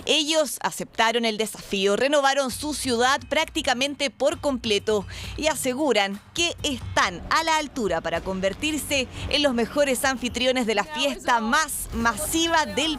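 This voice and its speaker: A Chilean woman reporter reading a news voice-over in a measured, polished way. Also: high-pitched, animated, a bit bright, soft background music.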